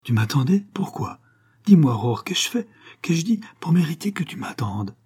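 Brooding, earnest young seafaring villager, as a man reads him aloud, his thoughts spoken a little higher, in a dark, husky tone. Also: sing-song, normal speed, full character voice. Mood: pleading.

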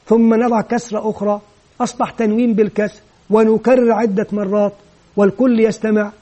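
A man's voice: high-pitched, mellow. A man giving an instructional lecture on teaching children to read, explaining each step patiently and modelling what the teacher says. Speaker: teacher trainer.

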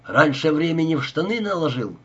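A man's voice: fairly high pitch, big pitch swings, a little fast, a bit bright, husky, muffled recording, voice pushed up, full character voice. A man voicing a brutal gangster who threatens and bullies in a harsh voice. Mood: menacing. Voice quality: harsh, menacing.

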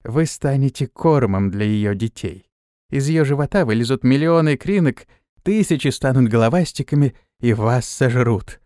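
Brief: quiet lifeless servant girl, flat and slow, dry; a man plays her. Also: mid-range voice, no room sound, natural voice.

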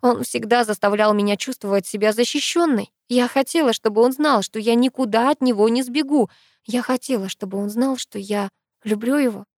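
A woman reading a first-person romance audiobook with intimate, expressive narration. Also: a little high, normal speed, no echo, studio quality.

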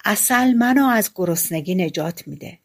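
A woman's voice: fairly low pitch, animated. A hungry, good-natured tailor mutters his thoughts aloud, in a woman's reading. The voice stays close to plain speech, simple and kindly, in a storybook. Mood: musing. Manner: plain-spoken, muttering to himself.

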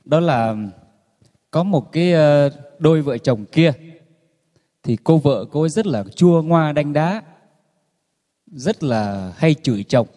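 Man telling jokes, slightly high voice. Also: slow, long pauses, long reverb tail. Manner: relaxed storytelling with many fillers. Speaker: joke teller.

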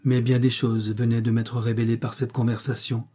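A male audiobook reader narrates a classic novel with an even, measured delivery. His medium-pitched voice is mellow, soft-edged, and slightly husky.

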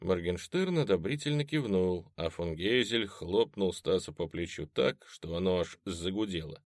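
A man narrating an audiobook in an even storytelling read on a close mic. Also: deep voice, moderate pace, no room sound. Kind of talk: scripted narration.

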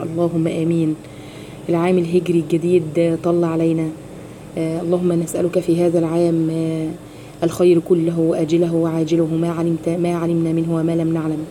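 A woman with an Egyptian accent teaching a religious lesson on Quran recitation, explaining step by step with rhetorical questions and slowly demonstrating each phrase. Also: fairly low pitch, monotone, mellow, a little hiss or hum. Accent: Egyptian Arabic.

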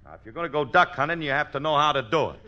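A man's voice: fairly high pitch, expressive, very fast, bright, forceful tone, highs cut off. A man playing a bossy, scheming husband in an old-time radio comedy, with an insistent, blustering and wheedling delivery. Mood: bossy, exasperated. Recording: noisy old radio recording.

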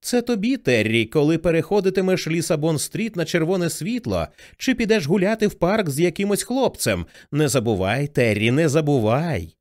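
A man voicing a teenage boy with a high, cracking, unsure voice that pleads, in an audiobook. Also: very animated, moderate pace, hardly any pauses, a little mellow. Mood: tender.

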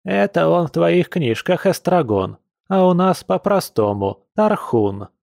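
A man's voice: on the high side, sing-song, darkish tone, dry recording, studio quality, voice pushed up. A man voicing a grumbling, crafty old village grandmother in an audiobook, drawing out her words in a folksy, wheedling way. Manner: folksy, wheedling, drawn-out speech. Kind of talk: audiobook character voice.

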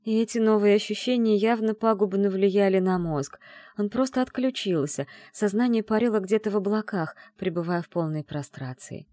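A woman reading a first-person novel aloud in an expressive, emotional way. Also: mid-range voice, normal speed, no echo. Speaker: audiobook narrator.

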